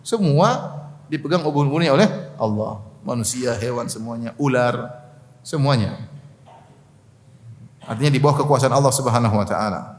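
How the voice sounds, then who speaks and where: A man giving a religious study lecture, reciting Arabic prayers line by line, translating them and joking with his listeners. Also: a little high. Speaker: Islamic preacher. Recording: echoey hall with long reverb.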